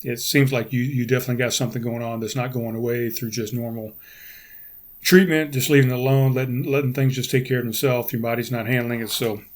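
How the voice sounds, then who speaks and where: Fast and steady in tone, this middle-aged podcast host from the United States speaks in an ordinary middle pitch, though congestion leaves him raspy and hoarse. Talking casually on his own show, he rambles, starts sentences over and keeps clearing his throat.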